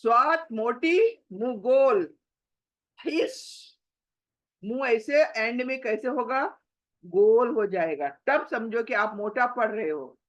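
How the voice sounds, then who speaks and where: A woman teaching tajweed, repeating each word slowly and mixing English words into her Hindi. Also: fairly high pitch, expressive, highs cut off. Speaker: Quran recitation teacher. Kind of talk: slow tajweed pronunciation lesson.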